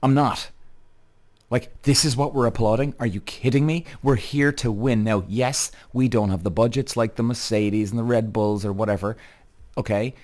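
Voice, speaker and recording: A man's voice: mid-range voice, steady tone, normal speed, a little mellow. This is a man with a Cork accent from the south of Ireland, talking as the host of a show. He gives casual motorsport commentary with emphatic, blunt opinions. His delivery is conversational and peppered with swearing. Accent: Cork Irish.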